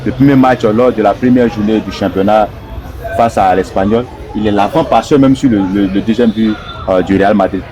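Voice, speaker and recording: A man's voice: on the low side, fairly quick, warm tone. A man hosting a football debate show, introducing guests and posing long, formal questions. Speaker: host. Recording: noisy background.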